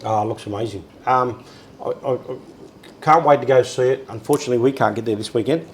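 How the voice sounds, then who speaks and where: A man co-hosting a casual chat at home, relaxed and rambling with lots of fillers. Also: medium pitch, fast talker, poor audio. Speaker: co-host.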